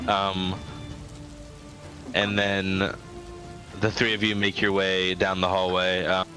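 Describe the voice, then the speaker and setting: A man's voice: low voice, completely flat delivery, slow, bright, forceful tone, faint music behind. A man narrating a tabletop game as game master, mixing casual talk with scene description.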